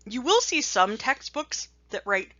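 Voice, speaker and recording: A woman's voice: fairly high pitch, big pitch swings, measured pace, bright, forceful tone, dry recording, highs cut off. A woman teaching statistics in a recorded lecture over slides, chatty and self-mocking, with bursts of cheer between slides. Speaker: statistics instructor.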